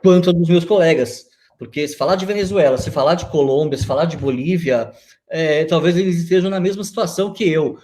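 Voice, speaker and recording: A man's voice: a little high, fairly quick, mellow. A Brazilian man in his forties, a guest on a video-call interview, talking reflectively with many fillers and restarts. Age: 40s.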